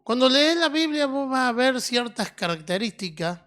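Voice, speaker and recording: A woman with an Argentine accent preaching a sermon in a deliberate teaching tone, often checking in with her listeners. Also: high voice, expressive, a bit bright. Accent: Argentine Spanish. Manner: deliberate, teaching tone with frequent questioning "mm?" tags.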